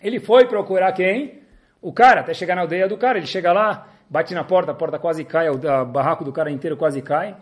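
A man's voice: fairly high pitch, a little fast. A middle-aged man, a religious teacher giving a sermon and animatedly telling a story. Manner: animated storyteller, acts out voices.

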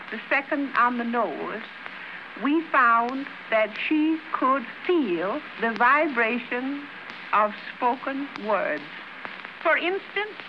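A woman teacher demonstrating a lesson, explaining slowly and carefully, heard on an old archival recording. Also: high-pitched. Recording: muffled, hissy old recording.

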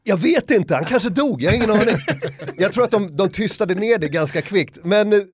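Man telling a lively story. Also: high-pitched, breathy edge, dry recording. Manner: lively anecdote teller, acts out shouts and quotes. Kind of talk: casual chat, animated storytelling.

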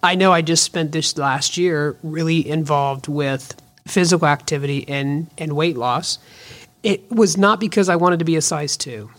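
A woman's voice: low-pitched, normal speed. A woman in her fifties hosting a solo podcast, talking in an earnest, encouraging, conversational way. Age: 50s. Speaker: podcast host.

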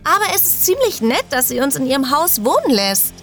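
Woman as a speedy young superhero woman, high and chirpy, audiobook. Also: very animated, brisk, soft background music. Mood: cheerful.

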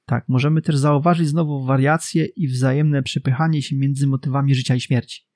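A man co-hosting a book discussion podcast, talking in a measured, explanatory way. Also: mid-range voice, steady tone, a little mellow, no echo, clean studio sound. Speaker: podcast co-host.

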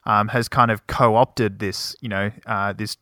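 A man in a casual panel chat, talking rapidly with many hedges and fillers. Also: lowish voice, steady tone, sharp tone, no echo, clean studio sound.

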